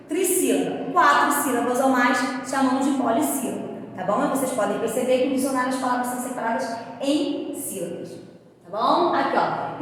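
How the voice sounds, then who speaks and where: High-voiced Brazilian teacher in echoey room. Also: female voice, slight background noise. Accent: Brazilian Portuguese. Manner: patient, checks in often with "tá bom?" and "ó". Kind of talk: guiding children through workbook exercises. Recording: echoey room with strong reverb, faint ambience.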